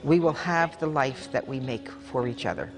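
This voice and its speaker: A speaker with an average pitch reflects calmly on young people and their chances. Music is clearly heard underneath. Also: moderate pace. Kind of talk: documentary interview.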